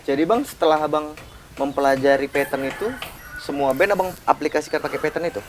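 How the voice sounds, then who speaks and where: A man's voice: fairly high pitch, quick pace, slight background noise. A man co-hosting a casual chat, mostly asking short probing questions and adding brief replies. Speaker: co-host.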